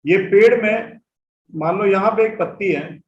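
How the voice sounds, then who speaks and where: A man's voice: high voice, a little slow. A man teaching an online class, who repeats key points and keeps checking whether his students follow. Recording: echoey room, dull audio, faint noise.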